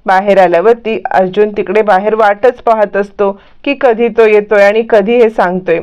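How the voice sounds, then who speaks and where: Lady retelling a tv episode step by step, smooth voice, kinda muffled audio. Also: mid-range voice, fairly even intonation, normal speed. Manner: plain retelling with many "asa mhatlyavarti" links. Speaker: storyteller retelling a TV serial episode. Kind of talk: casual story recap narration. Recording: muffled lo-fi recording.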